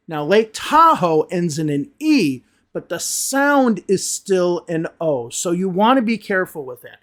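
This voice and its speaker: Man, American accent from Chicago, English teacher, higher-pitched voice, emphatic, checks in with "okay?". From United States (Chicago). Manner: emphatic, repeats words for stress, asks "okay?" and "right?". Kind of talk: online English lesson.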